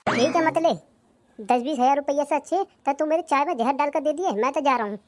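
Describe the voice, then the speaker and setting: A woman's voice: high voice, brisk, no echo, natural voice. A woman voicing a stingy, teasing village husband in a cartoon comedy, with a scolding, mock-dramatic manner. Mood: teasing grumbling.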